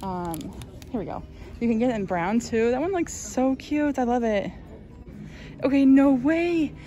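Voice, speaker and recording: A woman's voice: a little high, animated, measured pace, warm tone, faint music behind. A woman narrating a casual shop-with-me vlog on her phone, chatty and gushing, with lots of likes and ums. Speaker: shopping vlogger. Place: large retail store, indoors.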